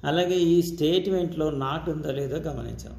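A man's voice: on the high side, fairly quick, creaky, a little mellow, echoey room. A man with a Telugu accent teaching English grammar step by step, checking in with his students as he goes. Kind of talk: classroom-style grammar lesson.

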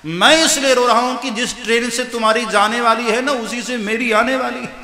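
Guy doing a wry complaining husband on a station bench, bright voice, big echo. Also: very high-pitched, fairly even intonation, moderate pace, soft background music, pitched above the performer's own voice, exaggerated voice. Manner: wry, confiding. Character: lonely husband secretly dreading his wife's return.

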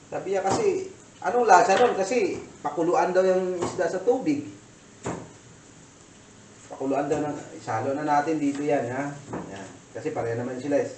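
A Filipino man rambles casually through a cooking story, full of fillers and asides. His voice sits a little high and comes from some distance off the mic. The kitchen is roomy and echoey, with clicks and clatter heard behind him. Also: moderate pace, background noise. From Philippines. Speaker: cooking vlogger.

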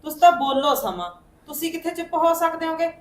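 A woman's voice: very high voice, expressive, fast. A woman playing a defiant aunt who argues back hard in a family drama. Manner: argumentative, talking back. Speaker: paternal aunt living in her brother's house. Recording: echoey room.

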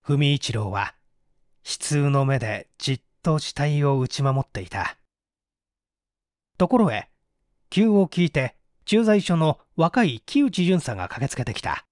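An audiobook narrator who is also a stage actor reads scripted literary narration in a fairly high, animated voice. He takes an unhurried pace, and the studio recording is clean with no room sound.

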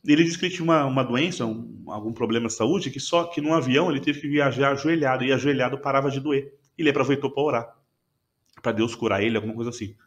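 A man's voice: mid-range voice, fast talker, muffled recording. A man, a podcast guest, earnestly retelling a personal testimony with emotion and frequent restarts.

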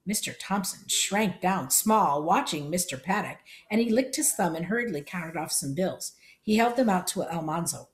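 Woman reading a storybook, low voice. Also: expressive, moderate pace, few pauses. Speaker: narrator.

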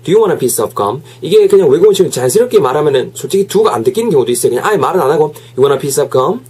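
A man with a slightly husky voice gives a casual video English lesson. He switches between languages and repeats short phrases over and over. His delivery is lively and encouraging. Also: fairly high pitch, quick pace. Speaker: English teacher.

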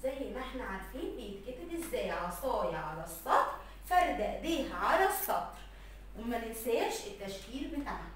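A woman with an Egyptian Arabic accent teaching letters to young children, slowly stretching out sounds and words. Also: fairly high pitch, sing-song, a bit bright, very echoey, far from the mic, slight background noise. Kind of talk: recorded lesson for young children.

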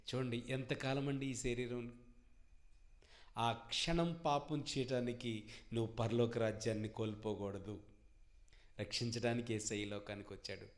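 A man with an Andhra Telugu accent preaching a sermon at an all-night prayer meeting, repeating phrases and calling for answers from the congregation. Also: mid-range voice. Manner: emphatic preaching, swings from soft to loud. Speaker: pastor.

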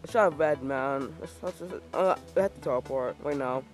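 A man giving excitable, self-mocking commentary while playing a video game, swearing at it when things go wrong. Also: mid-range voice, moderate pace, soft background music. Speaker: gaming YouTuber. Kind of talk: let's-play commentary.

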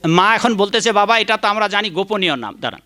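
High, bright-voiced preacher. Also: male voice, expressive, fast talker. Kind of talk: devotional sermon.

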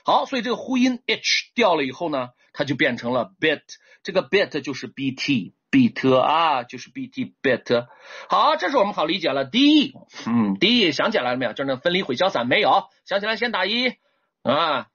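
A man teaching English vocabulary in a livestream lesson, animated, often asking viewers to type one to show they understand. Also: moderate pace, husky. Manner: lively with sudden high exclamations. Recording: dull lo-fi stream audio.

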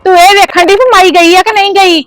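A woman playing a shrill scolding mother-in-law. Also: brisk, fairly bright tone, no echo, rough recording. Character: scolding quarrelsome mother-in-law, shut out of the house. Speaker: actor. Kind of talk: village family drama acting.

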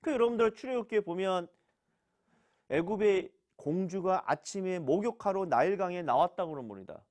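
A man's voice: high voice, lively intonation, moderate pace, darkish tone. A man, a pastor, teaching a church Bible class. He asks questions and answers them himself, and repeats key words for emphasis.

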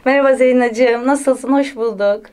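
A woman in her thirties, raised in Turkey after a childhood move from Bulgaria, chatting as a guest on a talk show, giggly and animated. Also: sits high, normal speed. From Bulgaria, raised in Aydın. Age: 30s. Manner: giggly, animated, jumps into playful voices. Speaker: actress guest. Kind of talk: casual talk show chat.

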